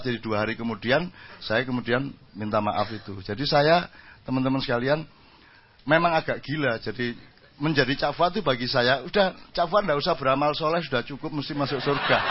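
A man's voice: medium pitch, animated, brisk, dull audio, slight background noise. A man with an East Javanese accent telling humorous stories at a religious gathering, self-mocking and slipping into Javanese. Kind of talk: humorous storytelling talk.

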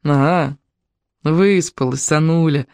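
Cheery knowing mom in a storybook, teasing, mid-pitched, dry close sound, as the reader puts her on. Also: animated, normal speed, a little mellow, no room sound, natural voice. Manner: playful, knowing. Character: cheerful shrewd mother, gently teasing. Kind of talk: audiobook character reading.

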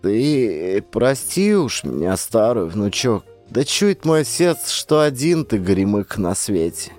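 A man's voice: on the low side, very animated, slow, a little mellow, soft background music. A man voicing a kind, fussing old village grandmother in an audiobook, doting and fretful. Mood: pitying. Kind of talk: audiobook character voice.

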